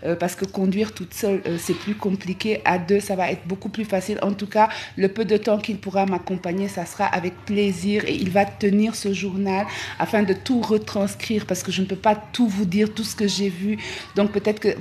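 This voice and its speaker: Halting woman from Senegal, endless fillers. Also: medium pitch, level tone, darkish tone, a little hiss or hum. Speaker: travel vlogger. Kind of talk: live travel vlog.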